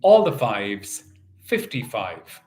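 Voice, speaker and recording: A man working as a bingo caller, calling out numbers in set phrases and repeating each in a measured, sing-song way. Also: fairly low pitch, very animated, darkish tone, soft background music.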